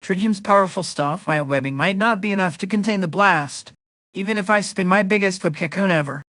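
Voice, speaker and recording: Man as a high-voiced wisecracking young superhero. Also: brisk, bright, forceful tone, dry recording, studio quality. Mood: cocky, quippy. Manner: quippy, urgent, self-narrating. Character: young wisecracking male superhero, earnest and strained. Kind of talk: comic dub voice acting.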